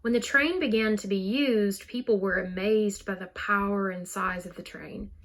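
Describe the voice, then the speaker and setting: A woman's voice: mid-range voice, steady tone, moderate pace, fairly bright tone. A woman teacher giving a recorded poetry lesson, explaining carefully and stressing words to show rhythm.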